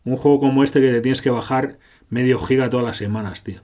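A man's voice: medium pitch, fairly even intonation, fast, dark tone. A man from doing casual, sarcastic gameplay commentary, swearing freely as he retells the story.

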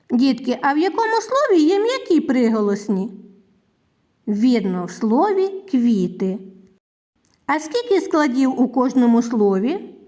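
A woman teaching young children a reading lesson, slowly drawing out syllables and sounds with sing-song praise. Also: sits high, a little mellow.

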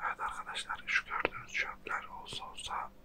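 A host commentates casually on a geography guessing game in a breathy whisper, close to the microphone. The delivery is brisk, slangy and self-mocking.

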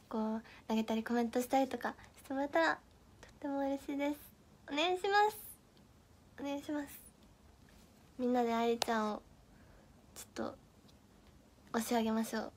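A young woman with a high, light voice chats casually on her livestream, thanking viewers and answering their comments. She giggles often and plays along as she trips over tongue twisters. Her talk stays bubbly and relaxed. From Miyagi, Japan. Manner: giggly, playful, stumbling through tongue twisters. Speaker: idol livestream host.

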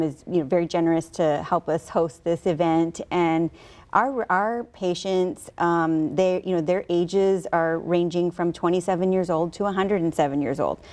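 A woman's voice: fairly low pitch, a little mellow. A woman in her thirties, a hospice representative chatting as a guest in a TV studio, with many fillers. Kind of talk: TV studio interview. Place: local TV news studio, on a couch. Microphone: lapel mic.

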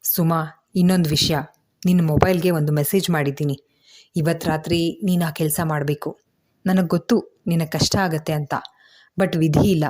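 A worried young husband, urgent at first and then steadying , as a woman narrator acts him out. The voice stays warm and fairly low. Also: fairly even intonation, normal speed, long pauses. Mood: concerned.

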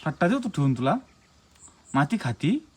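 A woman's voice: low voice, sing-song, normal speed, slightly rough. A young woman talking to her baby daughter in coaxing baby talk, repeating short phrases in a sing-song way.

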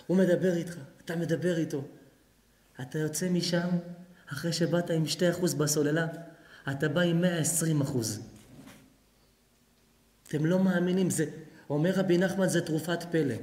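Animated preaching man in an echoey hall. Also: on the high side, long pauses. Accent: Israeli Hebrew. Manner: animated preaching, acting out both sides of dialogues. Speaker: rabbi. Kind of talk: sermon.

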